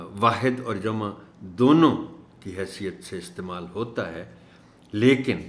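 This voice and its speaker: A man teaching an Urdu lesson for teachers, speaking in a measured way and slowing down to stress each word he corrects. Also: lowish voice. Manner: measured, stresses words slowly when correcting pronunciation. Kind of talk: instructional video lesson. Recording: echoey room.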